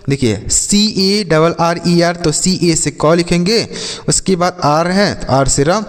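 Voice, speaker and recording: Male tutor with a fairly high voice, spelling out words letter by letter; reverberant room. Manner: spells words out letter by letter, asks then repeats answers. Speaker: English teacher. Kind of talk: spelling and pronunciation lesson.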